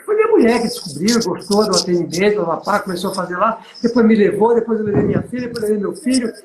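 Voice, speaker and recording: A noisy background and roomy sound surround a middle-aged man from Bahia, Brazil, who speaks fast in a high-pitched voice with big pitch swings. Using his Northeastern Brazilian accent, he mentors on business through stories and conversational coaching, checking that the listener follows along.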